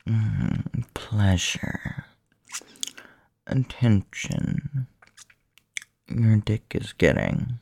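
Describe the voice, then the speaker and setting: A woman whispering slowly and teasingly into a close microphone, giving commands in an intimate roleplay. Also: very deep voice, very animated, creaky, a little mellow, husky, no room sound. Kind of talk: whispered erotic ASMR roleplay.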